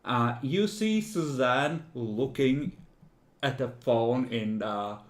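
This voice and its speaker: A man runs a tabletop game with wry, improvised narration. He is unhurried and a little hesitant, and his voice rings in an echoey room. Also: medium pitch. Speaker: game master.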